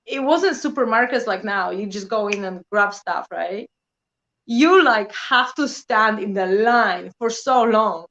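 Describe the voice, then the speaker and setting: With highs cut off and a little hiss or hum, the recording captures an unhurried, mid-range female voice. A Polish woman in her thirties with a Polish accent, she chats casually as a guest, narrating animatedly and using many fillers such as "you know."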